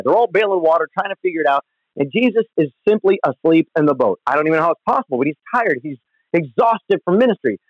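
A man's voice: high-pitched, no echo. A man, a pastor, gives an earnest, conversational devotional talk from home, heard over the phone. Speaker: pastor and podcast host. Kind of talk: devotional podcast teaching. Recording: dull lo-fi phone recording, dry.

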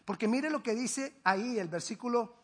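A man preaching a sermon as a pastor, emphatic, swinging between loud declarations and hushed asides. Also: very high-pitched, moderate pace, husky.

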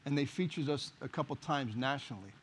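A man's voice: mid-range voice, lively intonation, brisk, a little hiss or hum. A middle-aged male pastor preaching a sermon, telling stories animatedly and acting out the dialogue. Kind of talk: sermon with storytelling.

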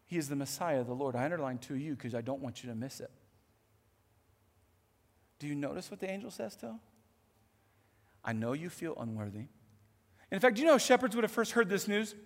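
A man preaching a sermon as pastor, animated and moving between hushed lines and emphatic ones. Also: on the high side, fairly quick, pauses often. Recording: echoey hall.

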